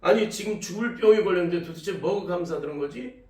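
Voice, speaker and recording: A male pastor with a high, darkish voice tells a testimony quickly during a sermon, acting out the cries and words of the people involved. He sounds far from the mic in an echoey church sanctuary.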